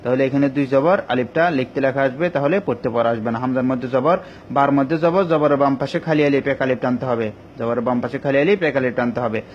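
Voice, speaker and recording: A male teacher giving an online Quran recitation lesson, explaining each rule patiently and step by step with many pauses. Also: mid-range voice. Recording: dull lo-fi recording with faint ambient noise.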